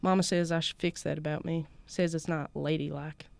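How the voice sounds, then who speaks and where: Speaking at normal speed with a steady tone, this woman has a low, darkish voice marked by vocal fry, recorded with no echo. She narrates a first-person story as a defiant small-town schoolgirl, using an adopted Southern US accent. It's literary fiction read aloud, delivered wryly and defiantly.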